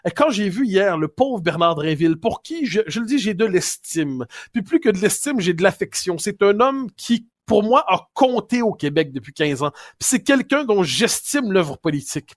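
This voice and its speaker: A man with a Québécois French accent giving animated, digressive political commentary on a talk show, often restarting and repeating words. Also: high voice, moderate pace, hardly any pauses, no room sound, studio quality.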